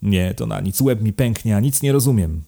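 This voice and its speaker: Gruff stubborn upstart, man reading, low dark voice. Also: normal speed.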